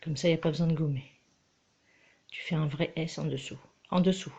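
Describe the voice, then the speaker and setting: A woman's voice: low-pitched, steady tone, brisk, creaky, mellow, husky. A woman teaching her child to read at home, patient and coaxing, recorded on a dull, lo-fi mic. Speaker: homeschooling mother. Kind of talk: reading lesson with a child.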